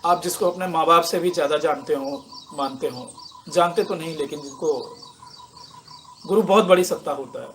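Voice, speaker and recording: A man with a slightly raised pitch shares a spiritual testimony in a slow, pausing, reflective way. He is moved to tears at times. Faint birdsong runs behind him outdoors. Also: slight background noise. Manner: slow, reflective and emotional, with many pauses and fillers. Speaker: meditation teacher.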